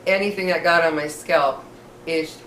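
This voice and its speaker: A middle-aged woman with missing teeth that soften her F sounds, telling casual, rambling, self-deprecating personal stories to camera. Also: low voice, steady tone, moderate pace. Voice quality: slightly slurred speech from missing teeth, trouble with F sounds. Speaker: vlogger. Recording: echoey room, distant mic, faint noise.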